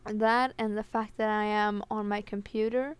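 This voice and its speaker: A woman's voice: medium pitch, steady tone, moderate pace, smooth. A young woman with a slight lisp giving a rambling, self-deprecating school presentation, recorded at home on a computer headset that picks up her breathing. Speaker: student presenter.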